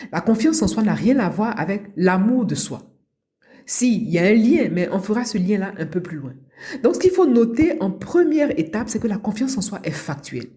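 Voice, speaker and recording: A middle-aged coach from Abidjan, Ivory Coast, who also hosts a podcast on personal development, gives a motivational talk in a warm, mid-range voice. She takes a didactic approach, returning to her key points again and again for emphasis.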